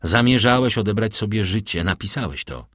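A man voicing a calm, grave count. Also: fairly low pitch, dry recording, clean studio sound. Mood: quiet. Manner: gentle, hushed and measured.

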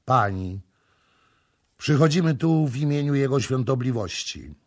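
A man reading a storybook, voicing a stern, cold male high priest who speaks in a solemn, commanding way. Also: unhurried, a little mellow, no echo, studio quality.

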